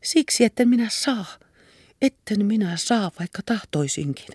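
A woman's voice: medium pitch, expressive, a little mellow, husky, dry recording, studio quality, pitched above the performer's own voice. A woman reader voicing an anxious young woman who pleads tenderly and earnestly. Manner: earnest and imploring.

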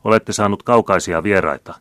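A man's voice: lowish voice, fairly bright tone, no echo, studio quality, voice pushed up, lightly acted. A man reading aloud and voicing a courteous young man who asks questions. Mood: polite. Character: polite young man, a customer seeking advice.

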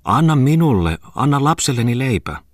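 A man's voice: mid-range voice, sing-song, no room sound, clean studio sound, voice pushed up. A man voicing a pleading wandering woman who begs for bread for her child.

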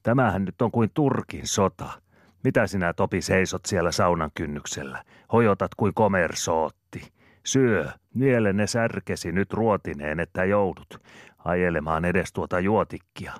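A man voicing a loud, bustling peasant woman who scolds and shouts in quick exclamatory bursts while herding cows in an audiobook. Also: sits low, no room sound, clean studio sound, voice pushed up, lightly acted. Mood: scolding.

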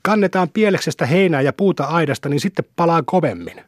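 A man's voice: a little high, darkish tone, no echo, studio quality, voice pushed up, lightly acted. A man reading aloud and voicing an eager, mischievous young village boy in an audiobook. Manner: eager, bossy suggestions.

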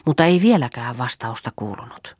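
A woman's voice: extremely low pitch, big pitch swings, a little mellow, slightly rough, no echo. Woman reading a novel aloud, dry sound. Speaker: audiobook reader. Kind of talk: audiobook narration.

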